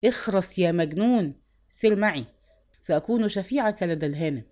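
A woman's voice: on the low side, lively intonation, a little fast, darkish tone, natural voice. Woman reading as a stern neighborhood chief. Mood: firm. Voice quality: firm, scolding.

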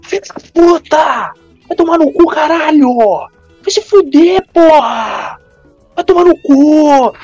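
A man voicing an enraged stranger who walks backwards down the pavement, shouting curses in a high, strained voice. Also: slow pace, dry recording, dull audio, soft background music. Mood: furious shouting. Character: enraged man cursing while walking backwards.

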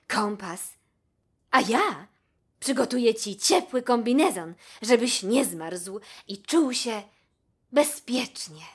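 A woman voicing a cheerful, dreamy female giraffe in a children's story, loud and delighted. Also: mid-range voice, husky.

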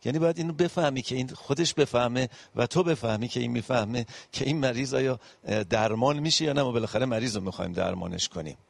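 Gravelly-voiced man lecturing on cardiology. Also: medium pitch, no room sound. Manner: explains step by step with frequent filler pauses; mixes English medical terms into his speech. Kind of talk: medical panel lecture.

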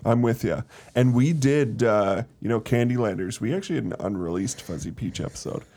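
A man's voice: medium pitch, animated, fairly quick, warm tone. A man co-hosting a podcast, chatting casually with teasing jokes and filler words. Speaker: podcast co-host. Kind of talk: casual chat. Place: studio.

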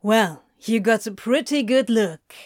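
A woman's voice: on the high side, animated, measured pace, no echo, clean studio sound. Crowley, a flustered woman-voiced demon. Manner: blunt, clipped, offhand. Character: flustered, guarded male demon. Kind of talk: fan audiobook reading.

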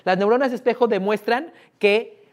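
A sales trainer with a Mexican Spanish accent runs a live sales workshop in a very high-pitched voice at normal speed. He's lively and asks the room questions often.

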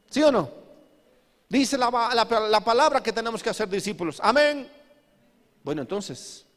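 Pastor guy preaching, slow, loads of questions at the crowd, big echoey church. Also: a little high. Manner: preaching with rhetorical questions and acted asides. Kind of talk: sermon.

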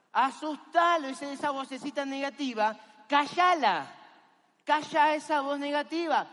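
A man's voice: extremely high pitch, a bit bright, long reverb tail. A man giving a motivational talk in an auditorium, coaxing and exhorting the audience with energy. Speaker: motivational seminar speaker.

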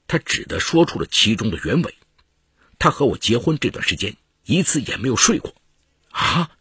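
A man narrating a real legal case as a scripted story, telling it in a dramatic, expressive way. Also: mid-range voice, slightly rough, no echo, studio quality.

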